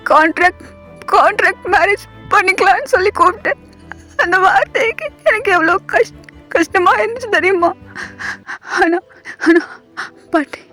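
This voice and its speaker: A woman's voice: very high voice, darkish tone. A woman voicing a heartbroken young man who cries and pleads, repeating himself through tears, in a storybook reading. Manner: tearful, pleading, repeats phrases. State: crying.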